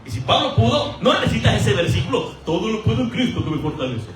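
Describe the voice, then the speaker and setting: A man preaching an animated sermon in a church, asking the congregation questions and briefly mimicking voices for laughs. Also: sits high, quick pace, soft background music. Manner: animated, rhetorical questions, acts out quoted voices for humor. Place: church hall. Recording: roomy echo, voice from a distance.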